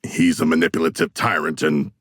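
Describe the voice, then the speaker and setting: An actor voicing a huge, earnest, bloodthirsty humanoid shark warrior for a video game, speaking gravelly, formal and grandiose lines. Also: male voice, extremely low pitch, level tone, a little fast, no echo, clean studio sound, exaggerated voice. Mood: solemn, dry. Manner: formal, stilted, grandiose diction. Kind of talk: video game character voice acting.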